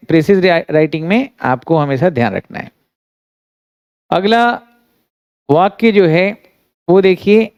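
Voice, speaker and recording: Male English tutor, Indian accent, high smooth voice, dry dull recording, slow dictation of examples. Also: dry recording. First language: Hindi. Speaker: English grammar teacher. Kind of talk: classroom lesson explaining phrasal verbs.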